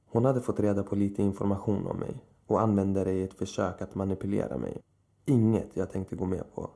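A man telling a scripted horror story in the first person, in a slow, measured way. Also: low voice, fairly even intonation, dark tone. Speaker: narrator.

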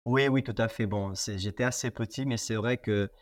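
With a lowish voice at a moderate pace, a young man from Portugal answers as a guest in a casual interview, speaking French with a Portuguese accent since Portuguese is his first language. He hesitates often, using fillers and starting over. The studio-quality recording has no echo.

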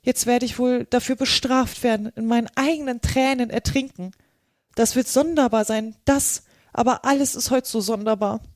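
A woman's voice: steady tone, normal speed, dry recording, studio quality, natural voice. A woman voicing a curious little girl, chatty and polite. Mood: wondering. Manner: raised, bright girlish pitch.

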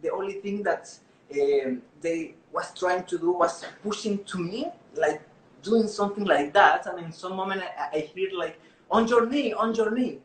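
A man from Chile tells a story in broken, English, stopping on "eh" and lifting his fairly high voice when he acts out what people said. The sound comes from an echoey room, with a faint hum of ambience behind him. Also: moderate pace. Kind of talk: live storytelling to an audience.

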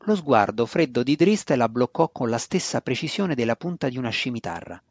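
A man reading a fantasy novel aloud as audiobook narrator, in a measured storytelling voice. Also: medium pitch, very animated, darkish tone, dry recording, muffled recording.

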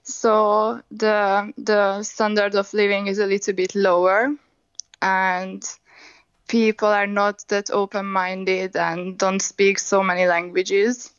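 A woman's voice: mid-range voice, level tone, clean tone, no room sound. A woman in her twenties with a Hungarian accent, answering interview questions over a phone line in a matter-of-fact way. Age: 20s. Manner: unhurried, matter-of-fact, simple non-native phrasing. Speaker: guest.

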